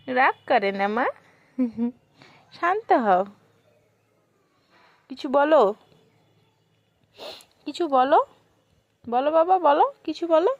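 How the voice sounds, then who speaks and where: A woman's voice: sits high, dry recording, muffled recording. A woman talking to her baby, coaxing and soothing her in a sing-song way. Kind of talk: baby talk.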